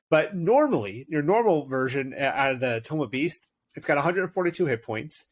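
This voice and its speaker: A man co-hosting a tabletop game podcast, chatting eagerly with many fillers and narrating a dramatic scene. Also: mid-range voice. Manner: enthusiastic, with frequent fillers. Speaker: podcast co-host and game master. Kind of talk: casual chat and dramatic narration.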